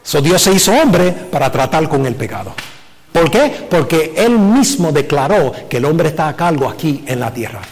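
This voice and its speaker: A man preaching a sermon as pastor, animated and full of rhetorical questions, mixing in English filler words. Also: on the high side, normal speed, long reverb tail. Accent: Puerto Rican Spanish from the US Northeast. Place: church sanctuary.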